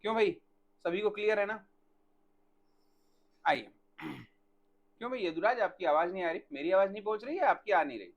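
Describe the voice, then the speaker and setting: A man teaching botany in a live online class, asking students questions by name and dictating answers slowly. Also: high-pitched, lively intonation, muffled recording.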